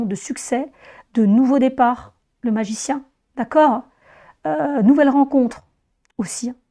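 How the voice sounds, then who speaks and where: Hoarse, mellow woman reading tarot. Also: fairly high pitch. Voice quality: hoarse, strained voice. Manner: addresses viewers directly, explanatory. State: hoarse, voice weakened by laryngitis after flu. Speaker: tarot reader presenting a monthly horoscope reading. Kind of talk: informal spoken tarot reading to viewers.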